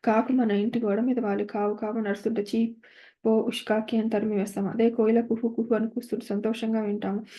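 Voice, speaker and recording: A woman reading spiritual teachings, saying English lines slowly before translating them and chanting verses. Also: fairly high pitch, flat delivery, dark tone. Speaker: reader of spiritual discourses. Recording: slightly muffled lo-fi recording.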